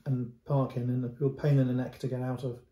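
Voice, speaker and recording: This middle-aged antiques dealer has a mid-range voice and a flat delivery, and he talks a little fast. Filmed at close range in a room at home, he presents a painting casually and off the cuff, gesturing at the canvas and frequently repeating himself or restarting. The sound is lo-fi with a roomy echo.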